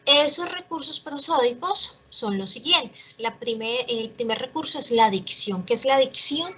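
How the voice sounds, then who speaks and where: A woman's voice: high voice, expressive, a little slow, bright, forceful tone, breathy edge, rough recording. A woman teacher giving an online class, explaining step by step and checking in with her students as she goes. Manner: explains step by step, often checks in with "¿listo?" and "¿cierto?".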